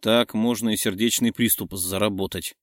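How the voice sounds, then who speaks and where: Man doing a low grumbling young lover. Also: steady tone, moderate pace, no echo, clean studio sound, natural voice.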